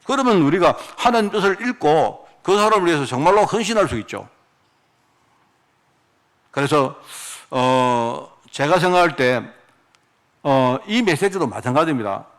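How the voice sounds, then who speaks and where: Animated Gyeongsang-accented male pastor. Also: on the high side, moderate pace. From Daegu, South Korea. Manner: animated, emphatic, asks the congregation rhetorical questions. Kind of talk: sermon.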